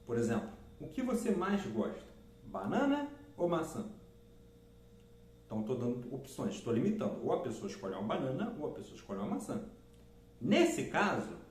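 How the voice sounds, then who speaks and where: An animated man gives an English lesson, his pitch leaping up and down as he repeats each key word. He slows right down to read example sentences aloud. The sound carries a clear room echo. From Brazil. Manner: lively, repeats key words, reads examples slowly. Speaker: English teacher. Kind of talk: explaining English lessons in Portuguese. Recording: roomy echo.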